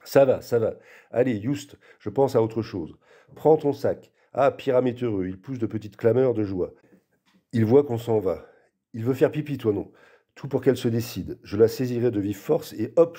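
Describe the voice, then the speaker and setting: Man reading a novel out loud, super mellow dark tone, acts out the bits people say. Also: mid-range voice, fairly quick. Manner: expressive reading, acting out quoted lines. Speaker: reader. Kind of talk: literary reading.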